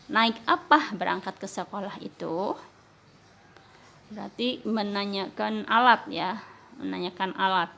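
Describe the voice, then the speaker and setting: A woman teacher speaks at a middle pitch. She explains each word patiently, then says it again in translation, as in a recorded lesson for young pupils. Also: gravelly, fairly bright tone. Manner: explains slowly, switching between Sundanese and Indonesian. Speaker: primary school teacher.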